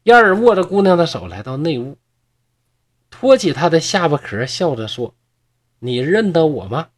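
A man narrating a classical ghost tale with a lively storytelling manner, stretching out his particles. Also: a little high. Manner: lively, drawn-out sentence-final particles.

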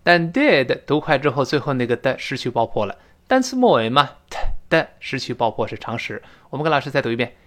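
In this spoken-English lesson, a man speaking in a mid-range voice alternates between casual classroom storytelling and animated pronunciation demos, stretching words out slowly so learners can hear them.

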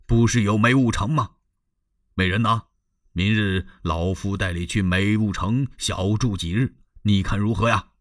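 A man's voice: lowish voice, unhurried, no room sound, clean studio sound, close to an everyday voice. A male storyteller voicing a doting, blustering old chancellor who coaxes and fusses. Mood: coaxing. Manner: fussing, coaxing old voice.

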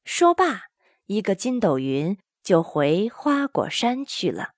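A woman narrating a children's story in slow, expressive storytelling. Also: mid-range voice, no room sound, clean studio sound.

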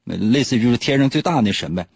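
A man's voice: medium pitch, animated, fast talker, creaky, breathy edge, dry recording. A man, a radio host telling a legend in a teasing, joking way, chuckling often. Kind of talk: joking storytelling. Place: radio studio.

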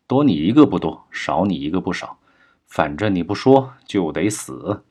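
Guy doing a ruthless gang boss in an audiobook, low cold threats. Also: big pitch swings, moderate pace, darkish tone, husky, full character voice. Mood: menacing.

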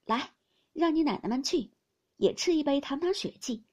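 A woman's voice: high-pitched, expressive, normal speed, a little mellow, voice pushed up. A woman doing a genial, indulgent aunt. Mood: reassuring. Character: indulgent middle-aged aunt, genial and reassuring.

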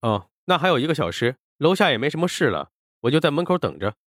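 A man's voice: a little high, sing-song, quick pace, dry recording, studio quality. A man voicing a courteous, humble young man in an audiobook. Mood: polite. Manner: courteous, deferential. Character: polite young man, humble, eager to please. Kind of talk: audiobook character voice.

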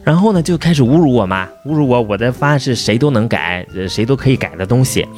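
A man's voice: mid-range voice, animated, fast, darkish tone, soft background music. A man telling a long, profane, angry story about his workplace. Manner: profane, heated, rising to outbursts. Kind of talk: casual angry rant.

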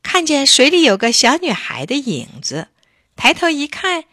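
A woman reads a children's story aloud in a gentle, expressive manner. Her voice is bright and lively in pitch, unhurried, and recorded close and dry. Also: dry recording.

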